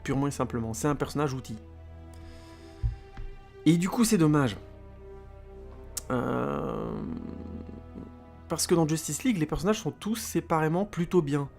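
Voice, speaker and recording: A man's voice: a little high, expressive, a little slow, gravelly, pauses often, a little mellow, faint music behind. A man giving a casual spoken film review as a podcaster, rambling with many fillers and repeated words.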